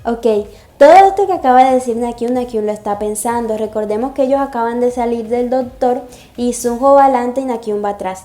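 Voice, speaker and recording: A woman's voice: a little high, mellow. A young woman reading a comic aloud and reacting, gushing and sighing often. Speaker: webcomic reaction vlogger. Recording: echoey room. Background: faint music.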